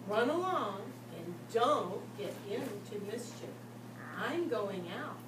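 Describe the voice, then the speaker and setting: A woman's voice: on the high side, expressive, slow pace. A woman reading to a toddler, voicing an old mother rabbit in a storybook who carefully warns her young. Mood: gentle warning. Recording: roomy, distant mic, loud background noise.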